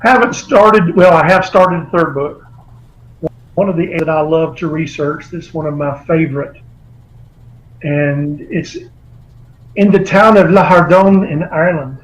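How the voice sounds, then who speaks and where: A man's voice: a little high, steady tone, measured pace, long pauses, a little hiss or hum, low-quality recording. A man, an author being interviewed over a video call, telling long rambling anecdotes. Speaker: author guest. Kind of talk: remote interview.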